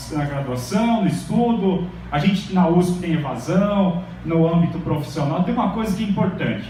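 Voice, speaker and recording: This middle-aged Brazilian man is a university professor lecturing informally, talking conversationally and repeatedly checking on his listeners. He has a mellow voice that sits on the high side. Captured from a distance in a large, very reverberant hall, the audio carries slight background noise.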